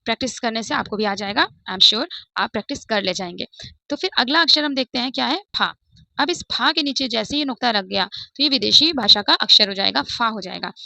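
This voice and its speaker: Woman, teacher, pronunciation lesson, repeats each word, somewhat high voice, dry close sound. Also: vocal fry, bright, forceful tone, no echo. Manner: explains slowly, repeats example words, asks and answers herself.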